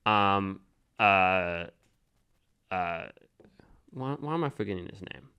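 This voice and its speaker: A man co-hosting a podcast, chatting casually in a halting way with lots of restarts. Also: sits low, lively intonation, bright, forceful tone, clear, resonant tone, dull audio. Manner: halting, full of restarts and repeated "like". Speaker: podcast co-host. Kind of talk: casual chat.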